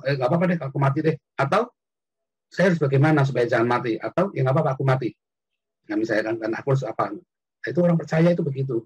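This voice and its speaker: A man preaches casually to callers on an online session. His voice is husky and sits fairly high, and it leaps up whenever he acts out a quote or a shout. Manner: animated, jumps high when quoting or shouting. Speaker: preacher hosting an online call-in. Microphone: computer mic on an online call.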